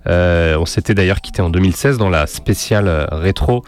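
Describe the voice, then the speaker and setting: A man co-hosting a radio music show, listing bands and giving his opinions, with many hesitant pauses. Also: sits low. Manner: hesitant, many "euh" pauses, laughs easily. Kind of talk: casual radio chat presenting music.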